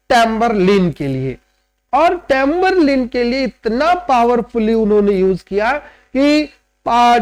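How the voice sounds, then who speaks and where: A male literature teacher with a strikingly high voice delivers a classroom lecture. He explains each point step by step and mixes English terms into his explanations. He keeps pausing to check that his students are following. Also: a little mellow. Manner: explains step by step, often checks understanding with "right?".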